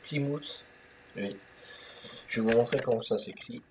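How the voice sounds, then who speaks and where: A man's voice: mid-range voice, a little slow, a little hiss or hum, low-quality recording. A young man casually commenting on a truck driving game, rambling with many fillers and restarts. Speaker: gaming youtuber. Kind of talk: casual let's-play commentary.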